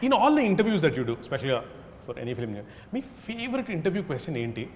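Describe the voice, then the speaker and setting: Guy hosting a rapid-fire interview, teasing, pitch jumps around, roomy echo. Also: sing-song. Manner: teasing, quick questions. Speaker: interview host. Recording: roomy reverb, faint background noise.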